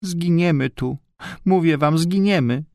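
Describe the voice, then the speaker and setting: A man's voice: measured pace, husky, no echo, clean studio sound, full character voice. A man reading a storybook, voicing a tearful little girl who loves her snacks, with a raised, dramatic voice. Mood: despairing. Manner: high, sobbing, then excited.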